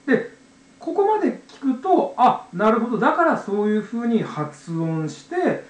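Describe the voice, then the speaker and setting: A man in his forties from Japan, hosting a casual lesson about English pronunciation, hesitant and full of fillers as he sounds out letters slowly. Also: very high-pitched, very animated, reverberant, rough recording. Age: 40s. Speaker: channel host, English learner. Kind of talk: casual explanatory monologue.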